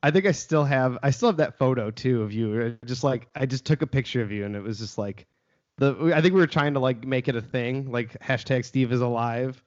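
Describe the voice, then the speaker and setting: Laid-back podcast host, lo-fi sound. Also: male voice, mid-range voice, fairly quick. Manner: laid-back, swears casually. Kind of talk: casual chat. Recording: dull lo-fi podcast audio.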